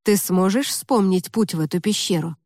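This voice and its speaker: A woman voicing a composed young man in an audiobook, speaking slowly and matter-of-factly. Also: mid-range voice, a little mellow, no room sound, studio quality, close to an everyday voice. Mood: calm. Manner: slow, unruffled delivery.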